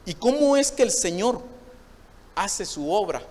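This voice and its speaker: High-voiced male pastor preaching in a reverberant church. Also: sing-song, a little slow, a little mellow. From Honduras. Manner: preaching, addresses listeners as brother, repeats phrases for emphasis. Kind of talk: sermon. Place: church hall.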